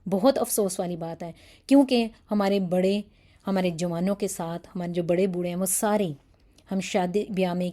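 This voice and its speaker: A woman with a Pakistani accent teaches a Quran lesson in Urdu, mixing in English words. Her fairly low, dark voice sounds earnest and emotional, almost pleading, and she acts out examples.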